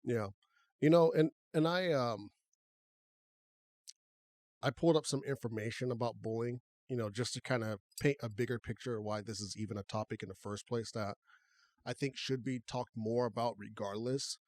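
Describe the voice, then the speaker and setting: Male podcast co-host, mid-pitch, casual and conversational, close dry mic. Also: moderate pace, dry recording. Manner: relaxed, conversational, talks through restarts.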